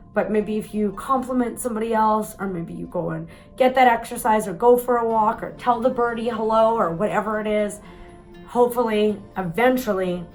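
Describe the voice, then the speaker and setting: A woman's voice: medium pitch, rough recording. A woman, telling a candid, chatty story to the camera, with some mild swearing. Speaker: vlogger.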